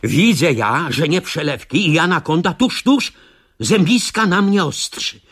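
A man telling a comic first-person radio story in a lively, theatrical way. His fairly high voice swings widely in pitch, and his old-fashioned, broken grammar adds to the fun. Now and then he bursts into shouts. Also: a little slow, husky.

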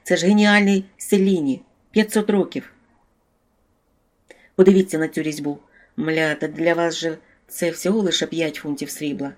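An audiobook reader voicing a coarse, loud male thug who swears constantly and bursts out at his partner. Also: mid-range voice, little pitch movement, normal speed, few pauses, lightly acted. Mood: worked up. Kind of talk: audiobook character voice.

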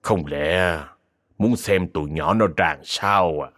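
A man voicing a calm, grave old village shaman who speaks slowly and low. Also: no room sound, clean studio sound.

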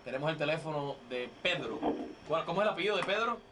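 A man's voice: on the high side, animated, fast. A man hosting a casual radio prank show, chatting informally. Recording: very noisy, distant phone-in radio audio.

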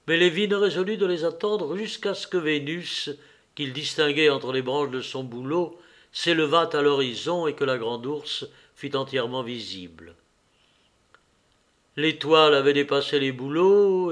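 Brief: male narrator, classic novel reading, measured and even, slightly high pitch. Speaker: audiobook reader.

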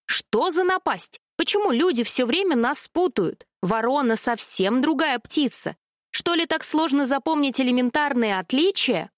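A woman's voice: high voice, a little slow, no room sound, studio quality, voice pushed up. Woman doing a hot-tempered, indignant rook. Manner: indignant, excitable.

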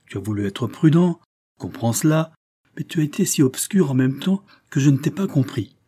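A man's voice: fairly high pitch, animated, moderate pace, mellow, breathy edge, voice pushed up. A man reading aloud and voicing a provocative, mocking young male swindler in a storybook. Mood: taunting. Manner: provocative, taunting, cool.

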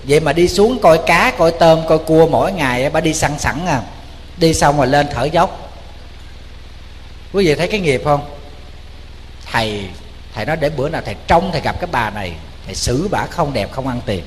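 A man with a Southern Vietnamese accent, a Buddhist monk telling a story in a sermon, animated and colloquial, speaking straight to his audience. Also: fairly high pitch, normal speed, pauses often, big-room sound.

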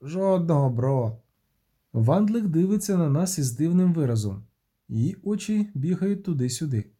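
A man narrating a novel in a measured, tense storytelling manner. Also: on the high side, very animated, dark tone, slightly rough. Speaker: audiobook narrator. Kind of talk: scripted audiobook narration.

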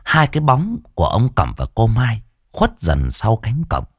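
A man's voice: medium pitch, wildly swooping pitch, moderate pace, slightly rough, dry recording, studio quality. A man narrating a village ghost story, with a casual, filler-heavy intro before reading.

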